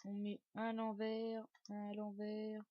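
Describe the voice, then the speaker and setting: A man talks through a game building tutorial in a relaxed, joking way, dropping the odd swear word and plenty of fillers. He takes his time. The recording is dry and dull, with a lo-fi edge. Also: high voice, a little slow, no echo. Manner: chatty and joking, casual swearing, many fillers. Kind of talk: casual gameplay tutorial commentary.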